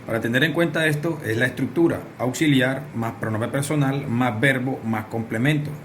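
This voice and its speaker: A man's voice: medium pitch, moderate pace, a little hiss or hum. A man, teaching a recorded English lesson and explaining directly to his students.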